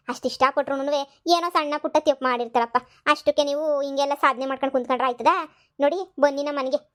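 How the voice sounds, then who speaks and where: Woman casting as a wheedling young village maid for a cartoon comedy: high, quick, coaxing. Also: a bit bright. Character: coaxing young village housemaid, sly and sweet-talking.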